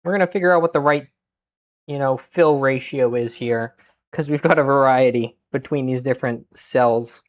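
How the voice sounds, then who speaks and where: Deadpan man chatting while cooking. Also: mid-range voice, normal speed. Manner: deadpan, self-mocking asides; mutters to himself while working. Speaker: streamer cooking on stream. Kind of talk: casual chat while cooking.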